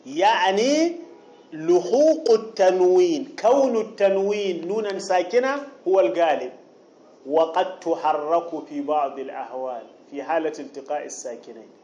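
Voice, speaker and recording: A man teaching a grammar text, explaining deliberately, repeating key phrases and asking the listener questions. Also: fairly high pitch, expressive, warm tone. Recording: dull lo-fi recording.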